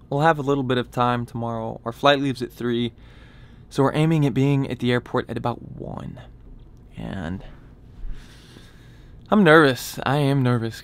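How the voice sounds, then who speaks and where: A young man talking casually and confidingly to the camera as a vlogger. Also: medium pitch. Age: young adult. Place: small wood-panelled boat cabin. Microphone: camera close in front.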